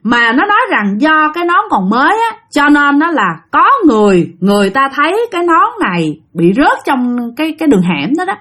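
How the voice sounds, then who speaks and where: A woman's voice: high-pitched, big pitch swings, brisk, few pauses, a bit bright. A woman with a Southern Vietnamese accent telling a ghost story, chatting directly to her listeners. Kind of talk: spoken ghost story narration.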